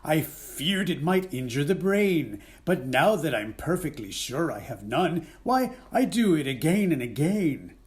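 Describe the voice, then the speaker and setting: A man plays an old father from a children's poem, cranky and full of himself. His voice sits fairly high for a man and swings widely in pitch. The delivery is pompous and theatrical. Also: big pitch swings, a little slow, few pauses. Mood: boastful. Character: cranky, boastful old father with grey locks. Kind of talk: dramatic children's poetry reading.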